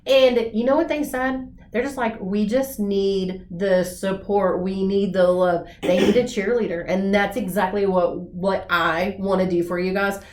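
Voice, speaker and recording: An eager, talkative woman speaks at a casual team meeting, jumping in with enthusiasm. Her voice sits at an ordinary pitch. The room is echoey and roomy. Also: a little slow, hardly any pauses. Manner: eager, talkative, jumps in excitedly.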